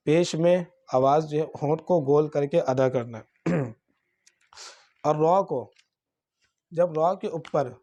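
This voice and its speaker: Step by step, a Quran reading teacher with a Pakistani Urdu accent walks through letters and vowel marks, stretching syllables during recitation drills in this slow, spelled-out lesson. He has a warm, somewhat high voice.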